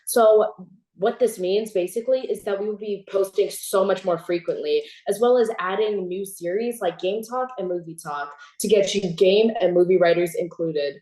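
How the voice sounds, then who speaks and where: A teenage girl hosting a casual interview, telling stories in an animated way and laughing often. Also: medium pitch, echoey room. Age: teens. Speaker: host. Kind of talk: casual chat.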